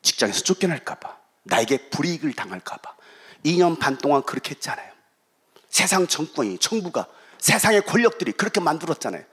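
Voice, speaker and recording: A middle-aged man preaching a revival sermon as guest pastor, swinging between loud shouting and quiet asides and acting out quoted voices. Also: fairly high pitch, very animated, quick pace, husky.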